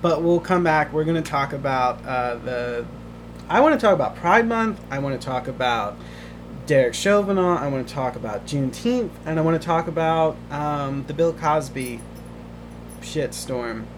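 A man hosting a podcast in casual chat, emotional and halting, often restarting his words. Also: fairly high pitch, expressive, a little hiss or hum. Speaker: podcast host.

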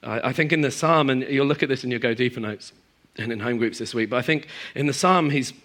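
A man preaching a sermon to a congregation, moving between emphatic high passages and quiet, low stretches. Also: quick pace. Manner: animated, swings from emphatic highs to quiet low asides. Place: church hall in front of a congregation.

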